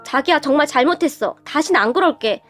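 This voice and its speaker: A man's voice: extremely high pitch, lively intonation, fairly quick, sharp tone, soft background music, full character voice. A woman voicing a petty, short-tempered young husband who turns whiny and pleading.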